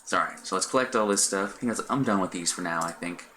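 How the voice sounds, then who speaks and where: Low-voiced man rambling on stream. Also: fast talker, pushed and bright, slight background noise. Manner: rambling, many fillers and restarts. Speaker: Twitch streamer. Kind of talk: casual live-stream chat.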